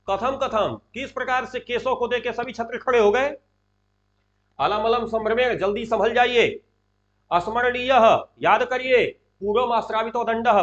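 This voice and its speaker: A man voicing an arrogant, angry king who loudly scolds his court. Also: high voice, lo-fi sound, full character voice. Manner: loud, shouting, emphatic.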